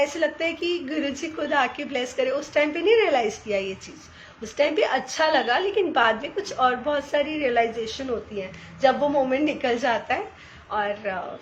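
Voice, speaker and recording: A woman sharing a personal devotional testimony in an animated storytelling way, slipping English phrases into her talk. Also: sits high, a little hiss or hum. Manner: addresses listeners as sangat ji.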